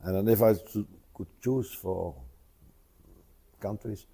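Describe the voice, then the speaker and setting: A man in his seventies, an interview guest, speaking hesitantly with many pauses and tag questions. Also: lowish voice, mellow, slightly rough. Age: 70s. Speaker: interview guest, retired traveler. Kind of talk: casual conversational interview.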